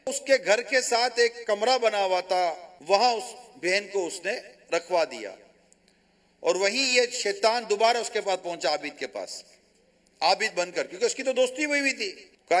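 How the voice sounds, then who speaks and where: A Pakistani man, a religious scholar, telling a moral story in a sermon and acting out the dialogue. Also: high-pitched. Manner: animated storytelling with quoted dialogue.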